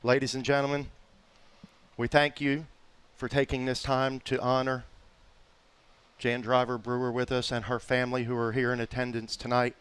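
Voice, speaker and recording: A man's voice: mid-range voice, flat delivery, moderate pace, fairly bright tone, clear, resonant tone. A man announcing at a race, chiming in supportively alongside his co-announcers. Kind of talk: live race commentary.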